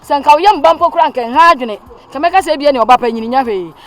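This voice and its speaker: An actress with a fairly high, expressive voice talks fast, playing a stern older mother in a Twi-language family drama. She lectures her child at length with emphatic repetition, then turns to pleading.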